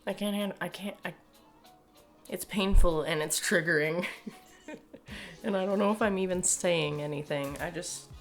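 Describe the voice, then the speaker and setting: A young Canadian woman, a video commentator, gives sardonic, exasperated, emphatic opinions to camera in a casual way from a small indoor home room. Her pitch is fairly low, her pace moderate, and she takes long pauses. Faint music sits behind her.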